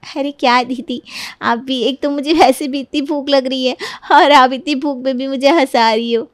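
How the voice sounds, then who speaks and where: Cartoon story: earnest young bride, woman voiced, high and bright, pleads innocence. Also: fairly even intonation, normal speed, no room sound, studio quality, lightly acted. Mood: plaintive.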